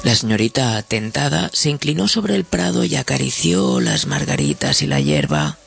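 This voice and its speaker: A man narrating a story aloud with a measured, expressive reading manner. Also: medium pitch, creaky, soft background music.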